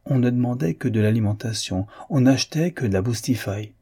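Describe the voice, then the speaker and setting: A man narrating an audiobook in a measured, even literary reading. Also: mid-range voice, husky. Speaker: audiobook reader.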